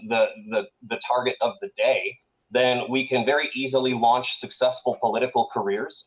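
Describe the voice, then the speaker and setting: A Colombian political candidate answers interview questions with earnest, campaign-speech delivery, often saying "uh." His voice is medium in pitch, and the audio quality is poor.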